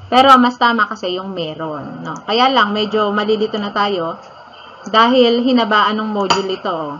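A woman's voice: mid-range voice, moderate pace, noisy background. A woman from the Philippines teaching an online music lesson, counting beats aloud and singing short lines of a song. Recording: slightly dull audio with faint ambience.

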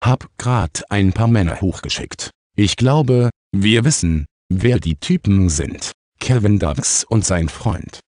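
A man's voice: lowish voice, slow, a little mellow, no echo, studio quality. A man voicing a friendly grown-up village policeman in an audiobook. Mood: easygoing.

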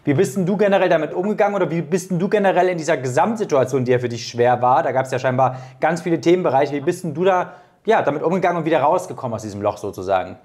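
A man in his thirties hosts a relaxed interview, asking long, winding questions at a quick clip. His voice sits a little high, and he is picked up on a lapel mic in an indoor studio. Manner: quick, probing questions with many fillers. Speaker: interview host. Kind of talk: casual interview.

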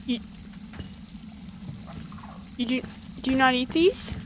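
A woman hosting casual gameplay commentary, chatty and excitable, talking to the creatures on screen. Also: high voice, slow, background noise. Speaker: gaming channel host.

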